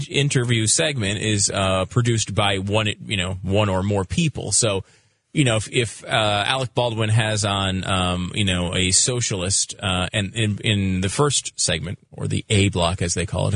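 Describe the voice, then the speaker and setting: A man's voice: on the low side, moderate pace, creaky, a bit bright, no room sound. A man co-hosting a talk radio show, chatting casually and explaining at length with many fillers.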